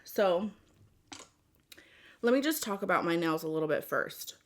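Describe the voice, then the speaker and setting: Female food vlogger, lowish pitch, informal and rambling, talking straight to viewers at an easy, unhurried gait. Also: lively intonation. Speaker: mukbang vlogger. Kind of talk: casual chat to viewers.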